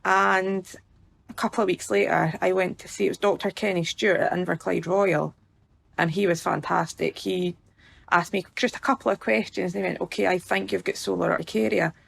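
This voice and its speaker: A Scottish woman in her early thirties speaks as a guest on a podcast. Her voice is slightly low with plenty of fry. She tells her personal story in an informal, chatty way. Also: fairly even intonation, normal speed, fairly bright tone. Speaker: patient guest.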